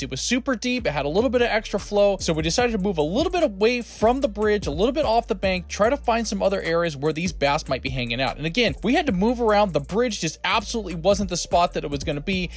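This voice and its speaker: A man in his thirties hosting a fishing vlog, narrating upbeat and whooping when he lands a fish. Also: high voice. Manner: upbeat, excited whoops on catches. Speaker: fishing vlogger. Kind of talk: voice-over narration and live reactions. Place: small fishing boat on a river outdoors.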